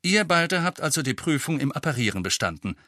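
A man voicing an angry, resentful teenage boy wizard in a storybook reading, shouting and sarcastic. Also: on the high side, sing-song, fairly quick, no room sound, clean studio sound, voice pushed up. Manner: furious, sarcastic outbursts.

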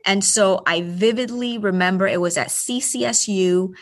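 At a moderate pace and medium pitch, a Puerto Rican school superintendent shares anecdotes during a relaxed interview. She's talkative and warm, sprinkling her stories with fillers.

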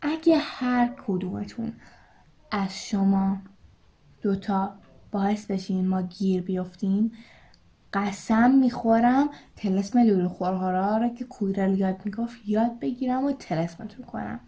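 A woman's voice: mid-range voice, mellow, natural voice. A woman voicing an impatient, hot-tempered schoolboy in a read-aloud story. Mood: threatening. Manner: snappy, irritated.

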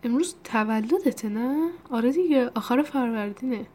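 A woman's voice: a little high, animated, darkish tone, slight background noise, voice pushed up, lightly acted. A fond father, read by a woman narrator. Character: affectionate middle-aged father.

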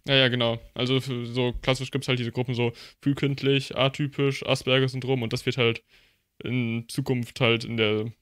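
A man's voice: mid-range voice, flat delivery, normal speed, fairly bright tone, no room sound, clean studio sound. A young man in casual chat who explains things at length, hedging as he goes.

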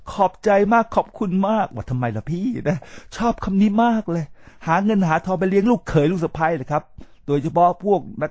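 An older man hosting a spoken commentary on a book, animated and exclaiming, often speaking straight to his listeners. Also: fairly high pitch, no room sound. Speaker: host.

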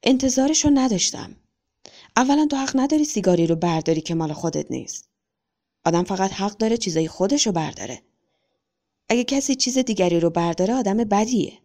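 A woman's voice: mid-range voice, animated, mellow, lightly acted. Woman reading a stern lawyer father. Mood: stern, scolding. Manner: measured, scolding. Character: stern lawyer father, lecturing his son.

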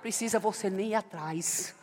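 A woman preacher, giving a sermon full of personal testimony that swings between loud exclamations and hushed storytelling. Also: medium pitch, normal speed, crowd noise. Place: church. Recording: church hall reverb.

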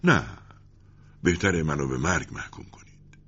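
A noble young commander who speaks calmly and firmly, as a man reads him. The voice is low and husky on a dull, lo-fi storybook recording. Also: heavily acted. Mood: resolute. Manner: calm, resolute.

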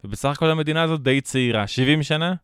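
A man's voice: on the high side, fairly bright tone, clear, resonant tone, no room sound, studio quality. A man with an Israeli accent chats casually, reasoning things out with examples and rhetorical questions. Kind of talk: casual conversation.

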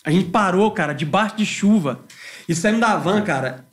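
Male musician guest, high-pitched, lively and slangy as he tells stories. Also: normal speed. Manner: animated, slangy, swears freely. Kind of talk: casual podcast storytelling.

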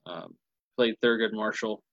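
Low-voiced co-host on a dull, dry mic. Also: male voice, fairly even intonation, measured pace, no echo. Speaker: podcast co-host. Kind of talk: casual podcast chat.

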